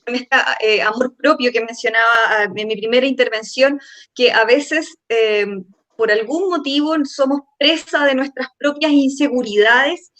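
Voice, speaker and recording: Earnest female trainer, reflective seminar delivery, slightly high pitch. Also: moderate pace, fairly bright tone. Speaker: communication trainer. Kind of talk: online seminar talk.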